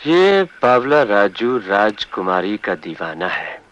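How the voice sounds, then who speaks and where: An actor playing a cunning middle-aged royal adviser who talks in a sly, hesitant way. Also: male voice, on the low side, sing-song, slow pace, a bit bright, lo-fi sound, exaggerated voice.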